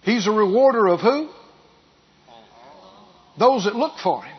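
A pastor preaching a sermon, repeating key phrases for emphasis and building to loud bursts. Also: male voice, high voice, very animated, a little slow, slightly rough, muffled recording.

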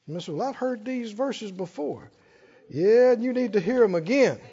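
A man's voice: extremely high pitch, darkish tone, muffled recording. A male pastor preaching a sermon, emphatic, prompting the congregation with short questions.

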